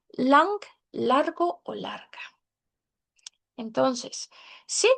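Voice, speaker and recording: A woman's voice: sits high, creaky, fairly bright tone. A woman teaching a language class online, patiently repeating words and checking that students follow.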